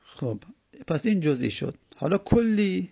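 A man with a gravelly, creaky voice gives a grammar lesson. He explains each point patiently, often posing a question and then answering it himself. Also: high-pitched, big pitch swings, mellow. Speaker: teacher of Arabic grammar.

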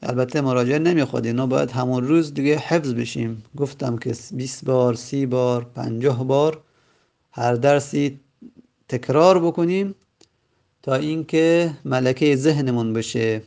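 A man teaching Arabic grammar, repeating word forms slowly and patiently in a classroom lesson. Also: mid-range voice, creaky, darkish tone. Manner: drills forms by slow repetition, stretching out the words.

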